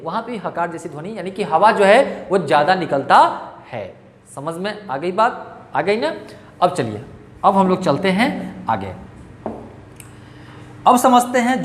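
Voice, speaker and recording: Male teacher, animated pitch, keeps quizzing his pupils, echoey room with a long ringing reverb. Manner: lively, repetitive, quizzes pupils with questions. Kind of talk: classroom grammar lesson.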